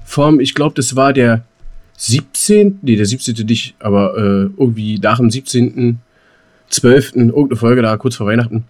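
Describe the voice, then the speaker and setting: Bantering casually with a friend on their podcast, this man teases and keeps starting his phrases over. He talks at a normal speed in a slightly mellow, mid-range voice.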